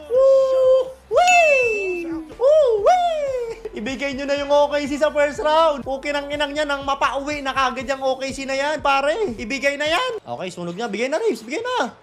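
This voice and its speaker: Excitable male fan-commentator, very high voice, live game watch-along, shouty and profane. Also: brisk, few pauses. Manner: excitable, bursts into shouts and laughs, swears casually. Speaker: basketball fan streamer.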